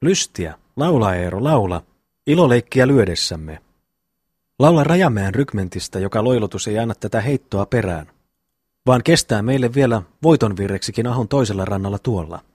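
A man reading a steady, earnest brother. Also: on the low side, husky, no echo, studio quality. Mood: urging. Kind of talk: audiobook reading.

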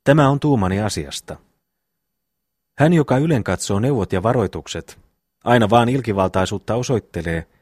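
A man voicing a calm, thoughtful brother who speaks in measured, sermon-like phrases in an audiobook reading. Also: lowish voice, no room sound, studio quality. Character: calm, wise, reasoning young brother.

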